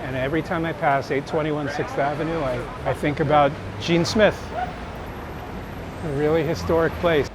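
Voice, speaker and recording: This man, a street photographer and teacher, has a fairly high pitch and a measured pace as he walks a busy city street talking casually and reflectively. He comes across as earnest, candid and introspective, while traffic noise, vehicles and general street ambience surround him.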